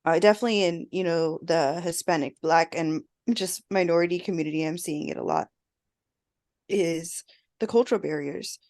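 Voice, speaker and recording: A woman therapist co-hosting a podcast in casual chat, a bit hoarse and clearing her throat as she loses her voice. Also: lowish voice, moderate pace, a little mellow. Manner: conversational, reflective.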